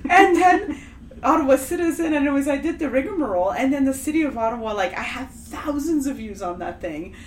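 A Canadian woman chatting on a podcast, telling a lively story and laughing often. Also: sits high, fairly quick, roomy sound, slight background noise. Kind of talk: casual podcast chat.

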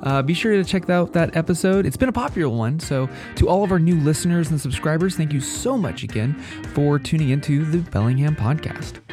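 A male podcast host with a somewhat high, nasal voice, congested from a head cold. He talks casually and playfully straight to listeners, with guitar music playing underneath. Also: expressive, a little fast.

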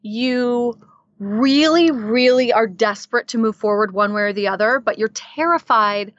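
A woman guest talking in a casual interview, animated, laughing often and leaning on filler words. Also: on the high side, normal speed, no echo, highs cut off. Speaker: guest coach.

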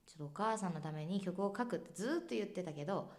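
Lively woman telling a story. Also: lowish voice, fast. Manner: animated, expressive storyteller. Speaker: singer, interview guest. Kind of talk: casual storytelling interview.

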